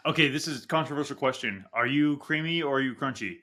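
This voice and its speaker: Bright, playful male podcast host. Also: medium pitch, fast. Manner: playful, joking. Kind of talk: casual podcast interview.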